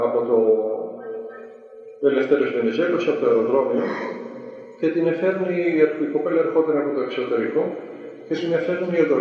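A man, a monastic elder, tells a story in a sermon, speaking slowly and deliberately and acting out the voices of the people in it. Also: mid-range voice. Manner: slow, deliberate storytelling that acts out the quoted voices. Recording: distant, echoey hall, dull lo-fi sound.

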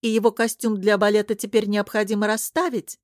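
A woman reading an audiobook who voices a proud young princess, sharp, sarcastic and impatient. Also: lowish voice, moderate pace, no room sound, studio quality, close to an everyday voice. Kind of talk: audiobook character voice.

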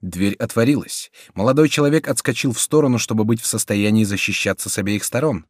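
A man narrating a historical adventure audiobook in a dramatic, measured reading. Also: lowish voice, no echo, studio quality. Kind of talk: scripted narration.

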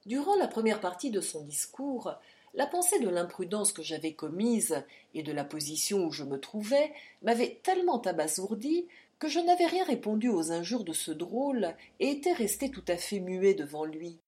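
A woman reading a classic novel aloud in a measured narrative style. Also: medium pitch, very animated, warm tone. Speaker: audiobook reader. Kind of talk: literary audiobook narration.

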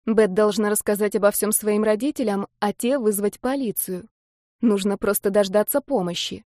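A woman narrating an audiobook in a measured, even storytelling manner on a close studio mic. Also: mid-range voice, dry recording.

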